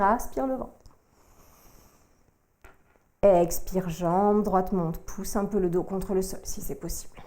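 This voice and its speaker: Woman yoga instructor, gentle slow cueing, mellow warm voice. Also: mid-range voice. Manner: calm, slow cueing of breath and movement, addressing the listener informally. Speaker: yoga teacher. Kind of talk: guided yoga core workout instruction.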